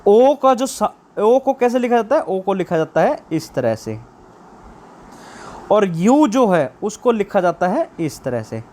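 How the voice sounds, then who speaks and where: A man teaching shorthand online, explaining slowly and repeating key terms as questions. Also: sits high, big pitch swings, a little mellow. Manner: drawn-out stress on English terms. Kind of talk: online lesson.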